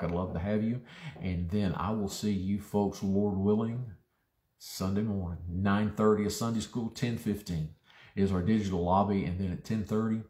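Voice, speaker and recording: A man preaching a sermon as pastor, breaking his phrases apart with dramatic pauses for emphasis. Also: low-pitched, darkish tone. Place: church. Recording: roomy echo.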